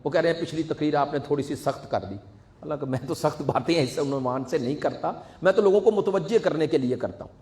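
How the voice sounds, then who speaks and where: A man's voice: a little high, a little mellow. A man, a religious scholar with a Pakistani Urdu accent, preaching a sermon in a mosque, asking the congregation rhetorical questions and repeating synonyms.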